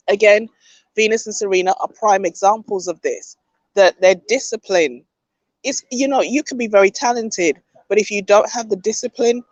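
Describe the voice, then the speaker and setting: A woman's voice: on the low side, no echo, dull audio. A woman hosting a podcast livestream, giving emphatic opinions and reading chat comments aloud. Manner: opinionated, emphatic, often adds "okay?". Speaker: podcast host.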